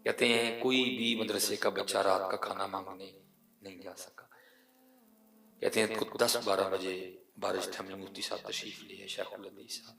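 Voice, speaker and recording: A man delivers an emotional sermon as a storyteller, building emphasis through repeated phrases. His voice is low and gravelly. The recording has a roomy echo and catches him from some distance off. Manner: animated storyteller, repeats phrases for emphasis, swings from quiet to loud. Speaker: preacher. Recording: echoey room, voice from far off.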